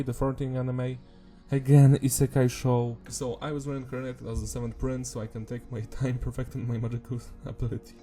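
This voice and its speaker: A man's voice: mid-range voice, warm tone. A man with a sore, sick-sounding swollen throat giving casual, rambling, informal commentary as a video host. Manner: informal, mild swearing. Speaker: anime review video host.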